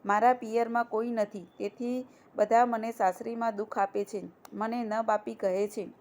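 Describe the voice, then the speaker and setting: A woman's voice: fairly high pitch, little pitch movement, moderate pace, darkish tone, lightly acted. A woman voicing a poor, mistreated young pregnant bride who speaks meekly and pleadingly. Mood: sorrowful. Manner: meek, pleading.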